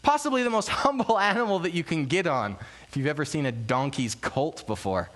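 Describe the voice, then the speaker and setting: A man preaching a sermon, leading a quiet prayer and then telling the story with energy, acting out the crowd's voices. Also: expressive, a little fast. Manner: hushed low prayer. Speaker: pastor.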